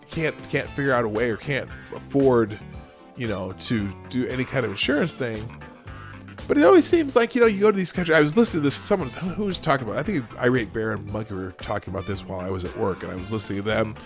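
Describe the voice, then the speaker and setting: A middle-aged man with a standard American accent hosts a casual live show, chatting in a rambling, conversational way as he thinks aloud. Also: mid-range voice. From United States. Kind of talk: casual live-stream chat.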